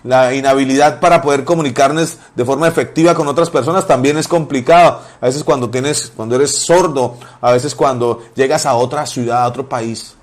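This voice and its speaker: A man's voice: medium pitch, a little fast, few pauses. A man, preaching informally as a pastor, telling personal stories and repeating phrases for emphasis.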